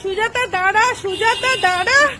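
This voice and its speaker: Very high-voiced woman pleading frantically. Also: normal speed, over a noisy crowd. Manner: frantic, pleading, repeating herself. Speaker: comedy skit creator. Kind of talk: comic street skit. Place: outdoors by a busy road. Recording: noisy street with passing traffic.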